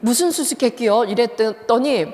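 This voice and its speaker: Female professor as seminar speaker, lively and a bit high-pitched, asks the crowd questions, long hall reverb. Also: unhurried. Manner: animated, acts out quoted lines, asks the audience questions. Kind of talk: church seminar lecture. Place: church hall.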